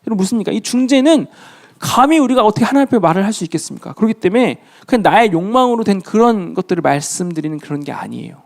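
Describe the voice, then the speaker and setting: Fast, high-voiced man preaching to youth. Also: creaky. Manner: lively preaching, acting out little dialogues; addresses listeners often. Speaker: youth pastor. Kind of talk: sermon to youth group.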